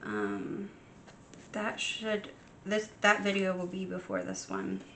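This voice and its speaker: A young adult woman chatting casually while setting up her journal, soft and unhurried, with frequent ums. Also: medium pitch, very animated, slight background noise. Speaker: journaling vlogger. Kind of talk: casual chat while crafting.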